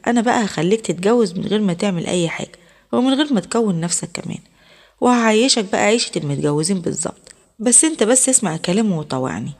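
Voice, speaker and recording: A woman's voice: medium pitch, lively intonation, very fast, darkish tone. A woman with an Egyptian accent voicing an insistent, coaxing woman doctor in her fifties. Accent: Egyptian Arabic.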